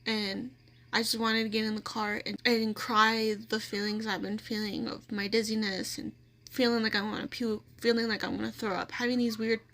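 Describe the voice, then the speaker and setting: A woman's voice: fairly high pitch, little pitch movement, normal speed, a bit bright. Rambling woman telling a story. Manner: rambling, full of "like" fillers and restarts. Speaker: vlogger. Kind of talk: casual storytelling.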